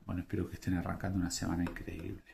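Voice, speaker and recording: A man giving a devotional talk as a preacher, unhurried and reflective, pausing often with fillers. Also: low voice, completely flat delivery, vocal fry, a little mellow, slight background noise. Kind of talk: devotional talk with scripture reading.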